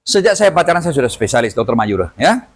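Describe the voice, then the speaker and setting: A man voicing a serious male medical specialist, speaking slowly and in a measured way. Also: medium pitch, big pitch swings. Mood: earnest.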